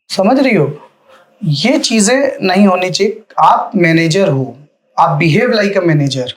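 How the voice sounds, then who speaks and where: A man giving direct, firm feedback to a candidate after a mock interview, as a panelist. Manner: direct, firm coaching, lively pitch swings.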